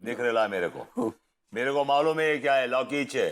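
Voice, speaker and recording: An actor playing a swaggering, mock-menacing street tough with a Mumbai street-Hindi accent in a TV sitcom. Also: male voice, mid-range voice, moderate pace, fairly bright tone, natural voice. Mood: bullying. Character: menacing street-tough man spouting threats. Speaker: sitcom character.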